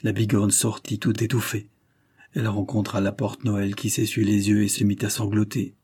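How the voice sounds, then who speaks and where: A man narrating a novel as an audiobook in a measured, expressive way. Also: fairly low pitch, slightly rough, no echo, clean studio sound. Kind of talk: literary audiobook reading.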